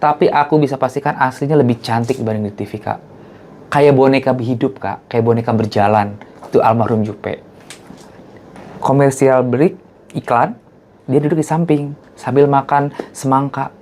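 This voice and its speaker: A man's voice: steady tone, moderate pace, darkish tone. A man, a guest in casual chat, telling stories and acting out quotes. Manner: chatty storyteller who acts out quotes in a high voice.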